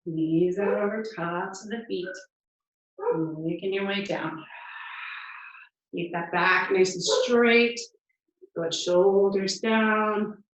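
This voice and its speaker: A woman leading a yoga class, giving calm, encouraging cues and counting breaths, a little out of breath as she moves. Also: mid-range voice, takes it slowly, pauses often. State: slightly out of breath. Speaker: yoga instructor. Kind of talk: guided yoga class instruction. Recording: distant, echoey, muffled room sound.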